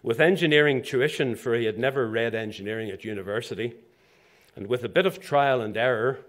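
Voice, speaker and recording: Standing at a lectern in a lecture hall, an older man from Zambia gives a formal, prepared inaugural speech as his professional institution's new president. He speaks in a mid-range voice, with measured pacing and the occasional dry aside.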